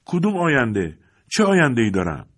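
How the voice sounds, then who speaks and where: A man with a husky voice voicing a proud, frustrated Italian teenage boy in an audiobook, pushing out indignant, pleading outbursts. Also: lowish voice, close to an everyday voice. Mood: despairing. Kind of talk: audiobook character voice.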